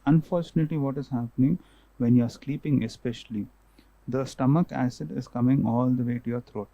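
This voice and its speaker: A man's voice: mid-range voice, fairly even intonation, fairly quick, creaky, warm tone, no echo, dull audio. A man, an ENT doctor, patiently explaining causes and tests to a patient, often restarting and repeating himself.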